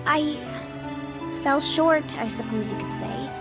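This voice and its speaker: A woman's voice: sits high, slow. An actress playing an earnest, flustered young android bride in a video game, girlish and stammering. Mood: embarrassed, hesitant. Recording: music behind the voice.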